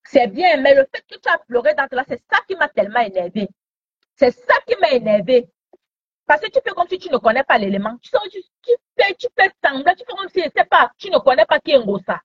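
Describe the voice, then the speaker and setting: A woman with a high voice and big pitch swings talks briskly in heated online commentary. She scolds someone with taunting question after taunting question, captured in dull lo-fi sound.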